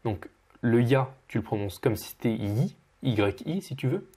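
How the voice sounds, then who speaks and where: A man teaching pronunciation as he corrects a student, patiently repeating each word slowly. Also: mid-range voice, animated, mellow, slightly rough. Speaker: Russian language teacher.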